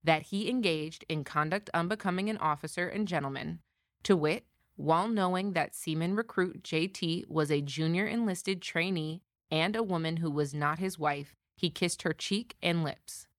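American female legal presenter, lower-pitched, scripted case summary, dry close recording. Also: normal speed, no room sound. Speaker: podcast co-presenter, military lawyer.

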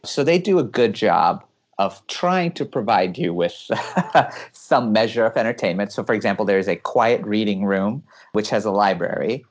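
A man's voice: lowish voice, animated, moderate pace. A man from California, a guest engineer giving eager, explanatory interview answers and laughing often as he talks.

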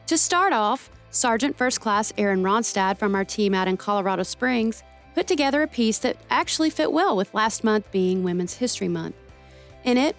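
Female co-host, medium pitch, scripted podcast presenting over faint music.

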